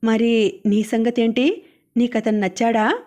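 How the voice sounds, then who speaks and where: A woman's voice: fairly high pitch, steady tone. Woman voicing a kind older lady of the house. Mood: gentle coaxing. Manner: soft, coaxing, unhurried.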